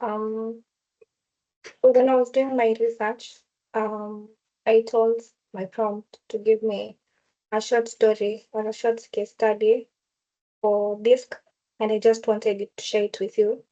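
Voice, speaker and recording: A woman's voice: a little high, little pitch movement, slow, mellow, highs cut off. A woman explaining a case study to classmates in a casual group discussion, with fillers and restarts. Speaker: student sharing a case study.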